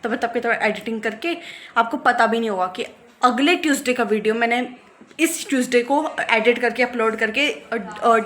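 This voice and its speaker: A woman's voice: a little high, normal speed, fairly bright tone, poor audio. A young woman vlogging about her day in a casual, chatty way, ranting about small troubles. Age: young adult. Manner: chatty, complaining rants. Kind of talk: casual day-in-my-life vlog.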